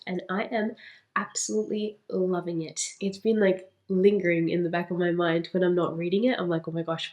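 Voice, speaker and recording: A young woman chatting slowly and softly in a vlog, stuffy and congested from a cold, sounding tired. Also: fairly low pitch. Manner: soft, tired, unhurried talk with light laughs. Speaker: vlogger. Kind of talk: chatty slow vlog talk.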